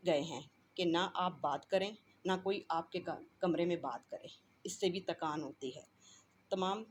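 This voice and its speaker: A woman's voice: fairly low pitch, a little hiss or hum. A woman teacher who reads a classroom play aloud and explains each line in simpler words.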